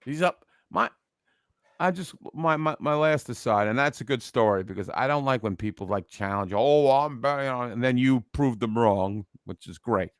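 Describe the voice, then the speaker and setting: A man co-hosting a sports talk show, tossing in crude jokes and quick asides. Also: medium pitch, smooth, dry recording, clean studio sound. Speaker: podcast co-host. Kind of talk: casual chat.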